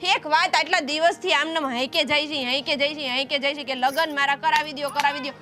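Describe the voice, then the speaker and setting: A woman's voice: sits high, steady tone, quick pace, bright, forceful tone, faint music behind. A woman playing a defiant younger daughter who argues with her family. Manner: defiant, argumentative. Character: stubborn younger daughter insisting on marrying first. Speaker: younger sister. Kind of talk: family drama acting.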